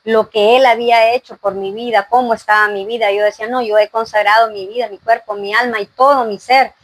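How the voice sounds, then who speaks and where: A woman's voice: on the high side, steady tone, a little fast, no echo, poor audio. A woman giving an earnest faith testimony in an interview, full of fillers and "¿verdad?".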